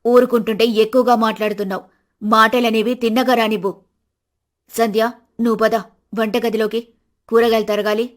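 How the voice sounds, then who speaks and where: A woman voicing a strict, proud middle-aged mother-in-law in an animated storybook, scolding in a stern voice. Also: fairly high pitch, moderate pace, long pauses, lightly acted.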